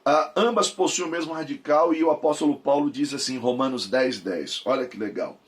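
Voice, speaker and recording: Man, Brazilian Portuguese accent, thirties, fervent Bible teacher, mid-pitched voice, repeats key phrases. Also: fairly quick. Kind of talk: preaching Bible lesson.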